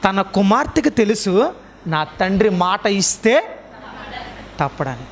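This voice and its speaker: A man's voice: high-pitched, big pitch swings, slow pace, slight background noise. A male preacher giving a sermon to a congregation in a church, firing repeated rhetorical questions and urging the listeners to answer aloud. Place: church hall.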